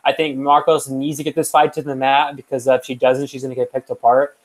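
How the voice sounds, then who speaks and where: Here a young podcast co-host goes over fight picks in casual conversation, his mid-range voice flat and fairly quick. The sound quality is poor, and his talk wanders, packed with fillers and restarts.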